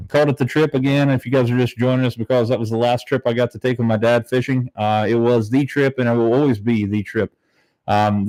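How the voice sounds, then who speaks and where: A man hosts a livestream in a relaxed, rambling, buddy-to-buddy way, tossing in slangy asides. His pitch sits in the middle for a man. He speaks casually from a small home room. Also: no echo, rough recording. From southern Ohio, United States. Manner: laid-back, rambling, peppered with "man" and "dude". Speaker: fishing livestream host. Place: very small, bare-walled home room used as a studio, slightly echoey.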